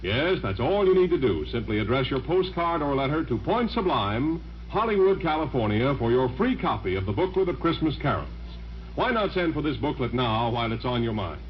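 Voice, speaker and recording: A man's voice: medium pitch, sing-song, fairly quick, a little hiss or hum. A man reading a sponsor message and sign-off as a radio announcer, in a polished, persuasive way, heard from an old broadcast transcription disc. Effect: old broadcast transcription disc sound. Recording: muffled 1940s radio transcription, faint music.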